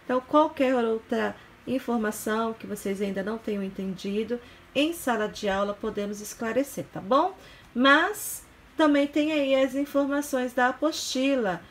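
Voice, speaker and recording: A woman's voice: on the high side, a little hiss or hum. A woman teaching young children in a recorded review lesson, explaining patiently step by step and checking in often with short questions. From Brazil. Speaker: primary school teacher.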